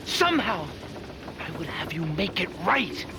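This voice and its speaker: A man voicing a brave, hot-headed teenage prince in an animated adventure, earnest and formal in his diction. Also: high voice, measured pace, heavy background noise, exaggerated voice. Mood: impassioned challenge. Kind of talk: animated adventure series acting.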